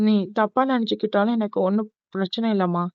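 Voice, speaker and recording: A woman's voice: medium pitch, fairly even intonation, fast talker, smooth, dry recording, lo-fi sound, close to an everyday voice. A woman voicing a scheming middle-aged aunt who pleads and pushes emotionally. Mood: pleading. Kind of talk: cartoon voice acting.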